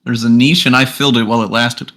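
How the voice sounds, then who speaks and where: A man's voice: mid-range voice, fairly even intonation, fast, a bit bright. A man co-hosting a podcast in casual chat, joking, swearing and laughing often. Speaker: podcast co-host.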